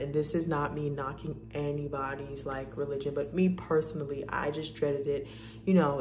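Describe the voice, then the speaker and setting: Young woman vlogger, low voice, chatty and animated, slightly under the weather, roomy echo. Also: a little hiss or hum. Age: young adult. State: slightly sick. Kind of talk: casual chat. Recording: echoey room.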